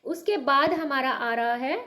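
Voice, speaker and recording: A woman's voice: sits high, a little slow, pushed and bright. A woman from North India teaching Hindi to beginners, patiently repeating words with stress. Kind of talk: slow beginner language lesson.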